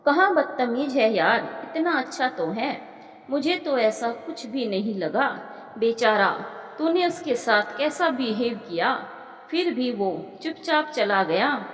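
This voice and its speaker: A chatty, easily impressed college girl, as a woman narrator plays her, pleading and gushing in a high, slow voice. The sound rings out with a long, echoey reverb. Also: lively intonation.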